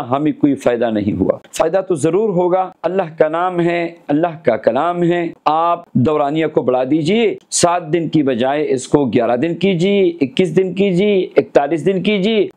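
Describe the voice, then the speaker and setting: Man giving a measured religious lesson. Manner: measured preaching, rising emphasis on key phrases then dropping low; lists items in steady repetition. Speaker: Islamic cleric.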